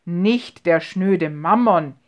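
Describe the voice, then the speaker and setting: A woman giving voice to a pompous middle-aged suitor who speaks in drawn-out, solemn phrases. He declaims his lines slowly and grandly, like a storybook gentleman proposing at a dinner table. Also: fairly low pitch, dull audio, pitched below the performer's own voice. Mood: declaiming.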